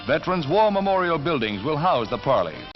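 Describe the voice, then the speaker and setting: Fairly quick and sing-song, this American announcer's slightly high voice delivers scripted wartime newsreel narration from the 1940s with dramatic emphasis. Orchestral music plays behind him, and the soundtrack has a dull 1940s quality.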